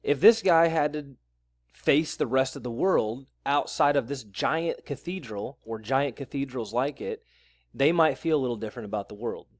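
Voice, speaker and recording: A man's voice: mid-range voice, moderate pace, no room sound, studio quality. A man vlogging in a blunt, sarcastic ranting style. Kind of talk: ranting commentary vlog.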